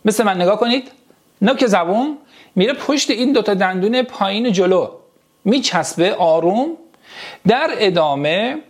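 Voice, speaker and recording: A man teaching a language lesson, slowly repeating each sound and word so his students can copy him, and speaking to them fondly and directly. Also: high voice. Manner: slow, repeats each sound and word several times for drilling; addresses the class directly and affectionately. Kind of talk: pronunciation lesson for beginners.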